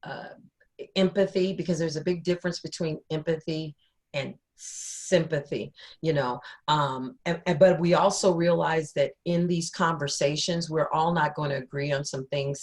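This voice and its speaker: Low-pitched woman chiming in on a video call, a bit hesitant, restarts. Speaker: webinar panelist. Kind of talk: conversational discussion.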